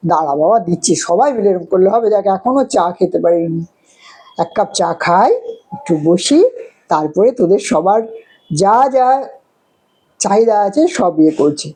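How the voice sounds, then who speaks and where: Mellow-voiced woman vlogger, briskly chiding. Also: lowish voice, slightly rough, low-quality recording. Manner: brisk, chiding, affectionate with pets. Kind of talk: acted everyday role-play skit.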